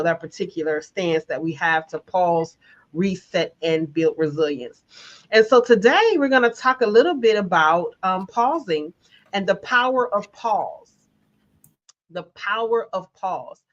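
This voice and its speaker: Facilitator, woman, encouraging and low-pitched, on dull lo-fi stream audio. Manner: warm, encouraging, reads viewer comments aloud. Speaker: wellness session facilitator. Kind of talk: guided group session on a live stream.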